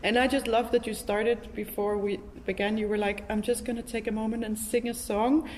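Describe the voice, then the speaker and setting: A woman podcast host runs a casual, reflective interview, thinking aloud in an informal, enthusiastic way. Her voice sits on the high side with a level, darkish tone and a fairly quick pace. The hall recording is noisy and reverberant.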